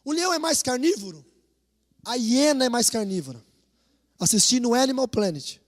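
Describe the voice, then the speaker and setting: A Brazilian pastor delivers a lively sermon in a strikingly high voice for a man, with a Brazilian Portuguese accent. He tells animated stories and urges the congregation to call out with him. His words ring through a church hall with a long, trailing reverb. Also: normal speed. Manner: animated storytelling, rousing the congregation to repeat after him.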